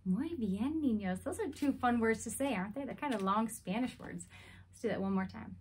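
A woman teaching Spanish words to young children, counting and singing in a slow, sing-song way. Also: on the high side, expressive, darkish tone, slight background noise. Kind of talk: children's language lesson.

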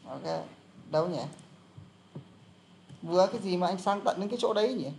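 Một người đàn ông dạy tiếng Anh, giảng giải kiểu trò chuyện thân mật với nhiều từ đệm. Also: male voice, high-pitched, lively intonation, normal speed, creaky, a little mellow, slight background noise. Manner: chatty explaining, many fillers. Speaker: English teacher. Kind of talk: casual online lesson.

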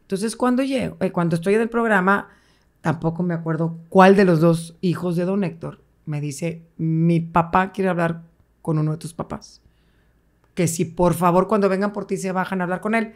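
Middle-aged woman, interview guest, lively storyteller. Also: fairly low pitch, brisk. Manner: animated, acts out quoted voices, laughs often.

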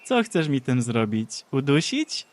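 A man voicing a cruel, mocking mad sorceress who speaks slowly and taunts in a sing-song way, for a storybook reading. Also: medium pitch, steady tone, a little mellow, natural voice. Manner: slow, taunting, sing-song with cackling laughs.

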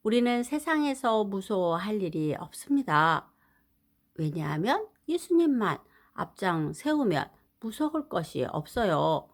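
An older woman reads scripture aloud in an earnest, gently expressive voice. She speaks to children, steady and caring as a grandmother reading at bedside. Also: mid-range voice, a little slow. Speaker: Bible reader for children.

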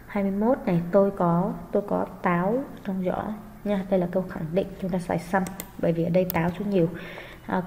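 A woman's voice: lowish voice, warm tone. A woman, a teacher patiently walking through exam answers with many fillers. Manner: patient, hesitant with frequent fillers. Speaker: English teacher. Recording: long hall reverb, faint noise.

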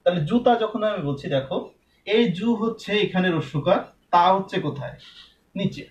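High-voiced man teaching a lesson. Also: slight background noise. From Bangladesh. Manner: explanatory, slowly drawing out sounds as examples. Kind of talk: recorded classroom lesson.

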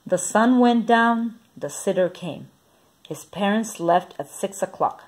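A woman reading a children's picture book aloud, lively and expressive. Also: mid-range voice, slow pace. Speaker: storyteller.

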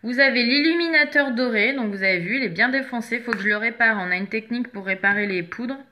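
A woman's voice: fairly high pitch, fast, pushed and bright. A woman chatting casually as she shows makeup products one by one, stopping now and then to hunt for a missing item. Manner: chatty, searches for products while talking. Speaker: makeup seller presenting products.

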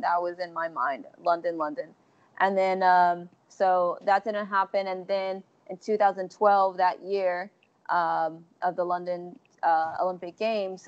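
A young woman from Texas in her twenties, chatting as an interview guest over a video call, with many fillers and restarts. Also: fairly low pitch. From Texas, USA. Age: 20s. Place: large indoor gym hall. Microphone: earphone mic on video call. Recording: dull lo-fi video call audio.

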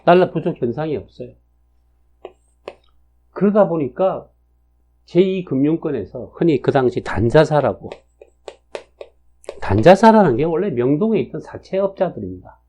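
A man's voice: fairly high pitch, very animated, moderate pace, pauses often, mellow. A man in his sixties giving a casual spoken lecture, chatty, with frequent fillers and tag questions. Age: 60s. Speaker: lecturer on national fortune cycles. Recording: dull lo-fi recording.

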